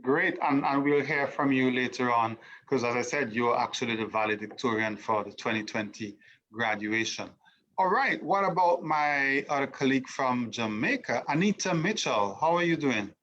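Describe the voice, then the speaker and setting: A man's voice: mid-range voice, moderate pace, fairly bright tone, highs cut off, a little hiss or hum. Formal man hosting a live show. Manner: formal, welcoming. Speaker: host.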